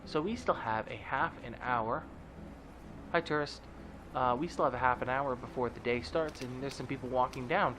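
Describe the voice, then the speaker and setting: Over some background noise, a man with a nasal, congested voice offers jokey, casual let's play commentary. His pitch is medium and his speed normal, and he keeps up a chatty stream packed with fillers.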